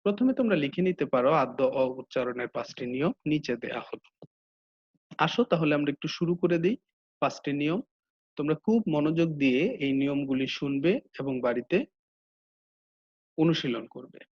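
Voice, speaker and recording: Male teacher, Bangladeshi Bengali accent, patient and repetitive, slightly high voice, dull lo-fi audio. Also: lively intonation, moderate pace, pauses often, husky. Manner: patient, repeats each rule twice. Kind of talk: slide-based grammar lesson.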